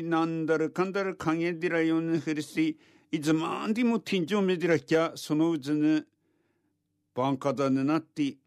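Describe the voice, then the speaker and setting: A man's voice: on the high side, a little mellow, no room sound, studio quality. A man narrating a folktale orally in a thick rural Tohoku Japanese dialect, with homespun, repeated dialect sentence endings. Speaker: folktale storyteller.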